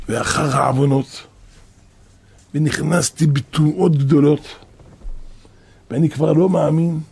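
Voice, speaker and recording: A man doing a husky, remorseful young sinner. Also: mid-range voice, darkish tone.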